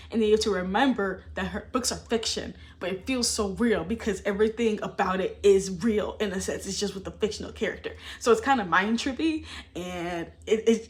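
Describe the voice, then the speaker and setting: A young adult woman talking casually to camera about books, chatty and emphatic, with fillers and laughs. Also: mid-range voice. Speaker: book vlogger.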